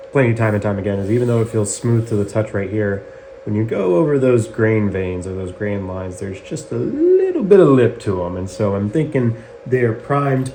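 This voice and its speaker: Upbeat low-voiced man in echoey garage. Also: mellow. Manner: upbeat, jokey, chatty. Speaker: guitar builder and channel host. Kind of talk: casual workshop tutorial. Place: home garage workshop. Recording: echoey garage with faint noise.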